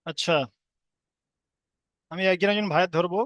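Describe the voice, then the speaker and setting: High-voiced man chanting letter drills. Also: fairly even intonation, fairly bright tone, no room sound, clean studio sound. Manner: drawn-out chanted letter drills between quick explanations. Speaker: Quran reading teacher. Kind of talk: online class instruction. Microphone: own microphone on an online call.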